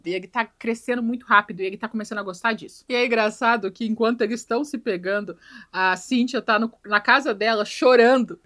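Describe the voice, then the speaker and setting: A woman talks through a film with a quick, joking energy, putting on little voices for the characters. Her voice is bright and sits a bit high, and she races along. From Brazil. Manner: animated and joking, acts out quotes. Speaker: film commentator. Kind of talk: casual film recap.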